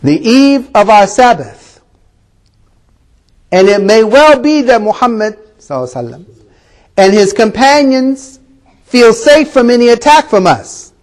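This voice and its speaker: A man narrating puts on panicked men of a besieged tribe, their voices lifted high and pressed. The pleading runs loud and urgent, with a sharp upward push. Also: sing-song, moderate pace, pauses often, low-quality recording. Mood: agitated.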